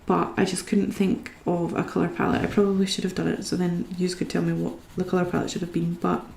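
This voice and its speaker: A woman's voice: on the low side, level tone, quick pace, creaky, darkish tone, roomy sound, slight background noise. A young Scottish woman chatting with viewers as she colours during a live stream. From Scotland. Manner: chatty, talks to viewers while working. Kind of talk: casual chat while colouring.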